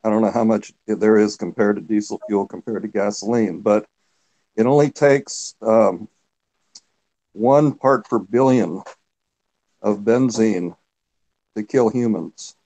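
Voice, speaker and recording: A man with a low, mellow voice speaks as a guest on a video call. He explains things plainly, now and then restarting a phrase. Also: unhurried, long pauses, rough recording. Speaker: guest, former geologist.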